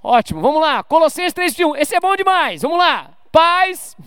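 High-voiced casual pastor preaching. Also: male voice, very animated, normal speed, pushed and bright, dry recording. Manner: informal, calls out for amens, jokes with the crowd. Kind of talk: casual sermon to a congregation. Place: church service.

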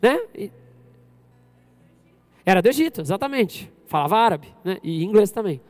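A man from Brazil preaching a lively sermon to his congregation as pastor, often questioning the crowd directly. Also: sits high, normal speed, soft background music. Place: church service.

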